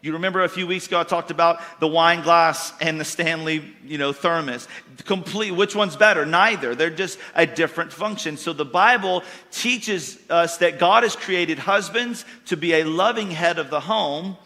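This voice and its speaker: Here a pastor's sermon echoes through a church hall's long reverb. Speaking at normal speed in a bright voice that sits a little high, he drives home his points in a folksy, emphatic way, breaking into louder outbursts.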